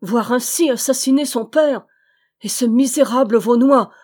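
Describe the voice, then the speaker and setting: A woman voicing an emotional male squire who exclaims loudly and fervently as he listens to a tale. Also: on the high side, a little slow, voice pushed up. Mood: pitying. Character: emotional middle-aged male squire, big-fisted.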